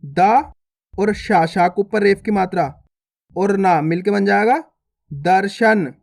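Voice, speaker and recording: A man's voice: sits high, takes it slowly, vocal fry. A man teaching children's reading, spelling words out syllable by syllable in a patient, repetitive way and talking to viewers as friends. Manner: addresses viewers as friends, informal. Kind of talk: slow, spelled-out reading lesson.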